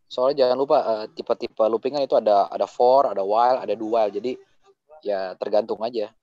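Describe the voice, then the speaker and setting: Dark-voiced young man on a dull dry mic. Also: fairly low pitch, steady tone, a little fast, no echo. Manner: casual, adds tips and invites questions. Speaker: teaching assistant. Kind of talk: online coding tutorial.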